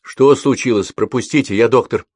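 A man voicing a young doctor who speaks firmly and reasons calmly with an angry crowd, in an audiobook. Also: medium pitch, moderate pace, husky, no room sound, studio quality, voice pushed up, natural voice. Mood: urgent, firm. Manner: commanding, reasoning. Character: young male doctor, firm and calm.

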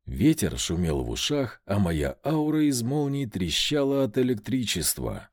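Male audiobook reader, lively and expressive, dry close mic. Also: lowish voice, measured pace, dry recording. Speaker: audiobook narrator. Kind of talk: scripted first-person narration.

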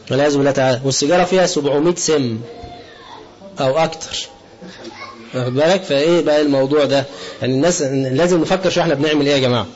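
A man with an Egyptian Arabic accent giving a colloquial religious lesson, often asking the audience a question and answering it himself. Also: on the high side. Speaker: preacher. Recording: dull lo-fi lecture recording.

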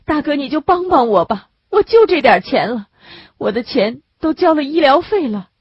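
A woman reader voicing a desperate grieving young mother who pleads in a high, tearful voice. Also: very animated, moderate pace, no echo. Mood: pleading. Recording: dull lo-fi dry recording.

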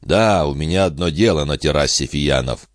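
Man doing a gruff, stern older farmer. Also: a bass voice, normal speed, dry recording, studio quality. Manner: terse, stern, grumbling.

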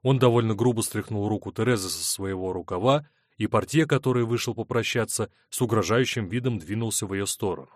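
Man narrating an audiobook, low voice, steady pace, dry close sound. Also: brisk, no room sound. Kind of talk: scripted narration.

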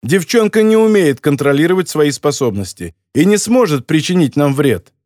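A man's voice: on the high side, very animated, moderate pace, darkish tone, no room sound, studio quality. A male narrator voicing a cruel, gloating short villain who taunts his captives. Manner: taunting, snorting.

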